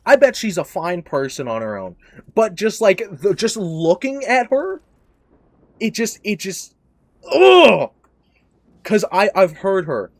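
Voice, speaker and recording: Young male podcast host, rambling, self-deprecating, prone to loud outbursts. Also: high voice, sing-song, a little slow, dry recording. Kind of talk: casual chat.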